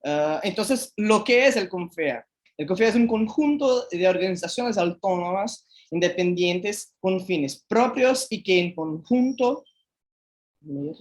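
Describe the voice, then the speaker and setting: A Brazilian man, a native Portuguese speaker, gives an online lecture on environmental engineering in Spanish, his second language. His high voice sounds careful and hesitant.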